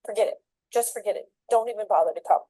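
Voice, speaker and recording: A woman's voice: mid-range voice, fast talker, mellow, dry recording, lightly acted, low-quality recording. A woman voicing an agitated teenage boy in a story she tells, with curt, accusing outbursts. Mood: angry.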